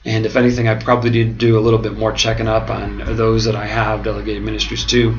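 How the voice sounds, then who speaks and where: An American man speaking earnestly and haltingly in a reflective monologue, his mouth swollen after oral surgery as if numb from the dentist. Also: lowish voice, completely flat delivery. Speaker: pastor and seminary student. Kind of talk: reflective monologue to camera, answering questions. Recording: dull lo-fi home video, clearly noisy.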